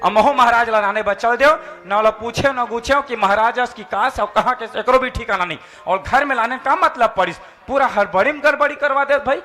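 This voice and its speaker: Mocking householder, chhattisgarhi accent, high bright voice. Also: male voice, brisk, hardly any pauses. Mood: scolding. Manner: mockingly parrots the priest, laughs while scolding. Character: exasperated village householder, adult man, mocking. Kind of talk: comic sketch acting.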